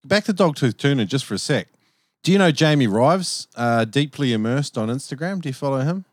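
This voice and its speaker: A man's voice: mid-range voice, expressive, a little fast, no echo, clean studio sound. A man hosting a podcast in casual chat, with a blokey, slangy and sweary way of talking. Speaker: podcast host.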